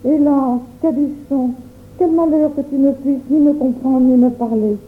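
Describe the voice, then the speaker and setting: A woman's voice: high-pitched, steady tone, unhurried. A woman voicing a shy, tender young girl in a storybook reading, pleading and sweet. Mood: sobbing. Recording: tinny phone-like audio.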